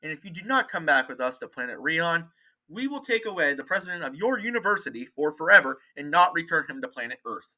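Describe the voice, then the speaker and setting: Formal, insistent alien robot envoy, acted by a man in a tall tale, measured and very bright. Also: on the high side, very animated, exaggerated voice, low-quality recording. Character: polite but insistent robot envoy from another planet. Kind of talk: tall-tale monologue character.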